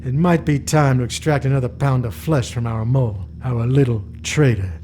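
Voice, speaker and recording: In an audio drama, a male actor plays a commanding covert-operations chief who lays things out with calculating authority. His natural, warm, medium-pitched voice is emphatic at a normal speed, heard clearly over the music.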